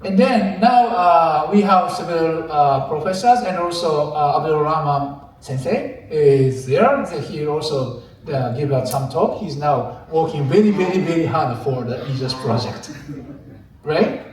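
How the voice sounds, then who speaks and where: Higher-voiced man lecturing in an echoey hall. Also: animated, a little slow, slight background noise. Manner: hesitant, many fillers, light joking with the audience. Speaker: university lecturer presenting at a forum. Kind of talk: conference presentation. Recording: echoey hall, distant mic.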